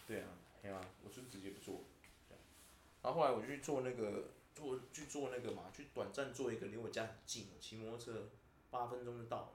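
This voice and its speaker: In a roomy, echoing recording with slight background noise, a man hosts a podcast and vents casually. He has a Taiwanese Mandarin accent and a fast, mid-range voice, and he constantly asks "you know?".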